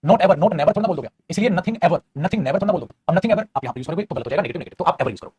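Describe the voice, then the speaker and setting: A man teaching English grammar in a fast classroom style, repeating phrases and calling students "beta". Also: high-pitched, expressive, darkish tone, slight background noise.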